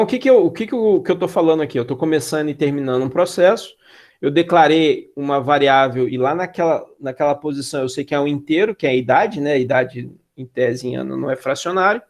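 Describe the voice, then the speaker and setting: In a classroom lecture on algorithms, a male instructor with a Brazilian Portuguese accent speaks in a slightly high voice. His style is casual and relaxed, with frequent pauses to make sure students are keeping up and the occasional slangy aside.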